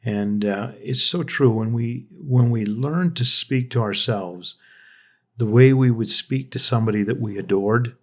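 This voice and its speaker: A man's voice: medium pitch, measured pace. A man hosting a podcast, talking in a reflective, rambling way with frequent restarts. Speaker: podcast host. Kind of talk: casual conversation.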